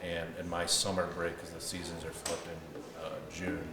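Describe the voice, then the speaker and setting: In a deep, utterly flat voice at normal speed, a young football player from South Africa recounts his story during an interview. His easygoing speech is full of "like" and "you know," and the audio comes from a far-off mic in a noisy, echoey room.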